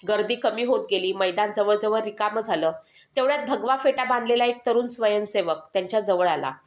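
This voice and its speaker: Woman, scripted storybook narration, earnest and measured, echoey room. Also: mid-range voice.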